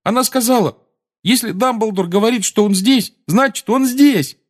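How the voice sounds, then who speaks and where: A man voicing a timid, earnest teenage boy in a shrill falsetto. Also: normal speed.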